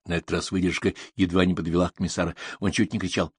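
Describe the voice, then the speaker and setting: A man narrating an audiobook in a measured, expressive way. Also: low-pitched, husky, no room sound, studio quality.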